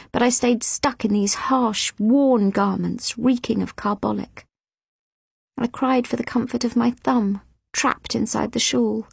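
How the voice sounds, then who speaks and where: Woman audiobook narrator, husky and gravelly, expressive first-person reading. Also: a little high, no room sound. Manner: expressive, emotive storytelling. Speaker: audiobook reader.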